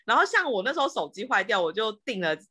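A woman with a Taiwanese Mandarin accent, a home care worker, telling stories on a podcast in a lively way, acting out the dialogue. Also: on the high side, fast, breathy edge. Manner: lively, animated retelling with quoted dialogue. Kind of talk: casual podcast storytelling.

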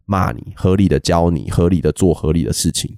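A young man with a Taiwanese Mandarin accent, hosting a podcast and rambling through army stories in a casual, animated way. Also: low-pitched, brisk, gravelly, no room sound, studio quality. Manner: rambling, animated, mimics shouting officers. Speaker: podcast host. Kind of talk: casual storytelling chat.

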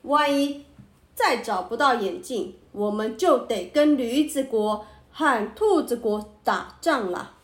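A woman's voice: a little high, sing-song, takes it slowly, dark tone, echoey room, voice pushed down. A woman voicing a worried older male royal minister in a children's story, pleading and anxious.

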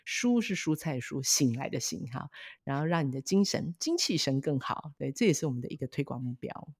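Measured woman, dry. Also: a bass voice, big pitch swings, breathy edge, dry recording. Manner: measured, adds soft "ha" tags. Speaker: foundation director, guest. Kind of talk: podcast interview.

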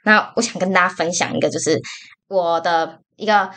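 A young woman with a Taiwanese Mandarin accent, co-hosting a casual podcast. She rants in an animated, exasperated way, full of fillers. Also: lowish voice, normal speed. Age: young adult. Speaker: podcast co-host.

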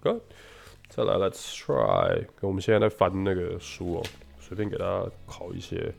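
A man's voice: deep voice, sing-song, moderate pace, gravelly. A man teaching English phonics in Mandarin with a Taiwanese accent, explaining rules through a little story and mixing English words into his speech. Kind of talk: casual spoken English lesson.

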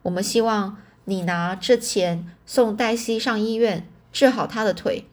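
A woman's voice: medium pitch, a little slow, natural voice. A woman reading a young boy's lines from a storybook in her own plain voice, earnestly, with small restarts. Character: earnest boy, a determined young grandson.

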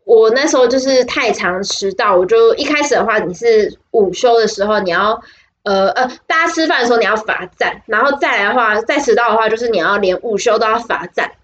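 A woman's voice: on the high side, expressive, fairly quick, fairly bright tone, lo-fi sound, slight background noise. A young woman with a Taiwanese Mandarin accent, co-hosting a podcast and telling stories in a giggly, rambling way full of restarts. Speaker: podcast co-host. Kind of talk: casual storytelling chat.

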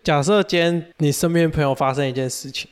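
A man's voice: fairly high pitch, brisk, smooth. A man co-hosting a casual podcast, talking in a hesitant, teasing way and laughing often. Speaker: podcast co-host. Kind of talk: casual chat.

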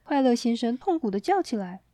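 A woman storyteller reading a children's story aloud in a gentle, expressive way, on a close mic. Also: fairly high pitch, brisk, dry recording.

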